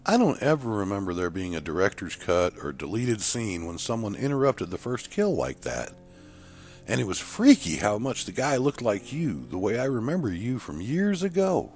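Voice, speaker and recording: A man voicing a playful young woman, the girlfriend in a spooky short story, with a slightly raised pitch. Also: wildly swooping pitch, normal speed, darkish tone, soft background music. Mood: teasing.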